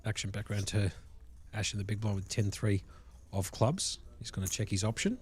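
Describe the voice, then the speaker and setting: A man's voice: fairly low pitch, fairly even intonation, a little fast, a little mellow. A man doing live play-by-play poker commentary in colloquial, slangy language. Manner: colloquial, slangy turns of phrase.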